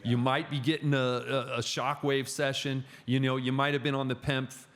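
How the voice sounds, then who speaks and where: A man's voice: mid-range voice, moderate pace. Chatty man telling a story. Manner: animated storyteller, frequent restarts. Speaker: gym client and podcast guest. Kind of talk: casual podcast chat, storytelling.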